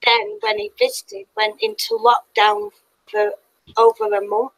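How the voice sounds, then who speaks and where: A woman chats casually on a stream, her voice high and gravelly with lots of fry. She talks slowly and giggles as she rambles, sounding close and dry to the mic. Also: sing-song, no echo, rough recording. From Britain. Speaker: co-host.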